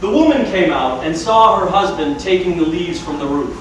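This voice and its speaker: Playing the storyteller in a staged folktale, a man delivers scripted narration in a high, expressive voice at a normal, measured speed. He's recorded from a distance in a large, echoey hall, with music behind him and slight background noise.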